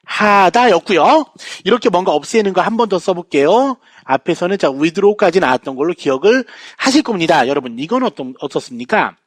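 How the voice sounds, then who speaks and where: Male vocab teacher, recorded lecture; bouncy, joking delivery, high and dry. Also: brisk, few pauses, no echo. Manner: lively lecturing, frequent "자, 여러분" asides, playful jokes.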